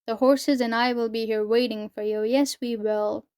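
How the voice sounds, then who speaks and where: Give me a woman reading a sugary, affectionate mother, smooth voice. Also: fairly high pitch, steady tone, moderate pace, darkish tone, no echo, clean studio sound, natural voice. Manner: syrupy, generic endearments. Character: overly sweet, affectionate adult mother.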